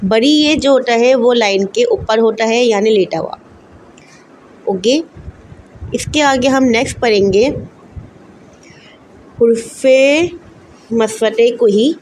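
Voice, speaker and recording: A woman teacher with an Urdu-speaking Pakistani accent leads a recorded lesson for first graders, in a somewhat high voice. She sounds out each letter slowly and then says the whole word. A faint hiss of noise runs behind her. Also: darkish tone. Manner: spells words slowly letter by letter, then reads them whole.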